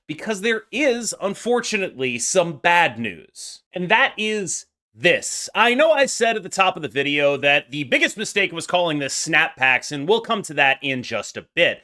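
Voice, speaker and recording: Male gaming commentator, high-pitched and very lively, talking off the cuff with emphatic, winding arguments. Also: moderate pace, hardly any pauses. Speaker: game content creator. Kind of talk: unscripted opinion commentary.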